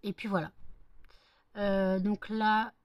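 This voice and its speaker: A woman's voice: medium pitch, level tone, slow pace, smooth, no echo. A woman vlogging casually at home, rambling and thinking aloud with many hesitations. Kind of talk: casual chat to camera.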